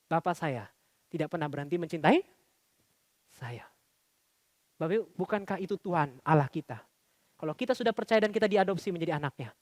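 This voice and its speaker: A man who is a vicar preaching a church sermon, telling stories in a lively, informal way and often turning to the congregation with rhetorical questions. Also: high-pitched, dry recording. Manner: keeps addressing the congregation with rhetorical checks.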